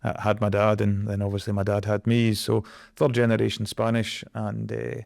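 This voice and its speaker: Gravelly Scottish man, earnest guest. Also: fairly low pitch, monotone, moderate pace, darkish tone, no echo, studio quality. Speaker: guest, energy project director. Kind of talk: conversational interview.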